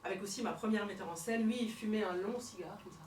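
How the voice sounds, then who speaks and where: A woman comedian performing a one-woman stage show, telling her story theatrically and swinging between hushed and shouted lines. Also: mid-range voice, quick pace, a little hiss or hum. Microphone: fixed camera from the hall. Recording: roomy hall sound from far off.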